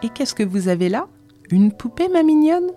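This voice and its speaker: A woman reading aloud, voicing a stout, pompous middle-aged man who coaxes in a hushed voice and scolds harshly, with faint music behind. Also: a little high, sing-song, normal speed, voice pushed up. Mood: hushed wheedling. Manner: hushed wheedling, turning to sharp scolding.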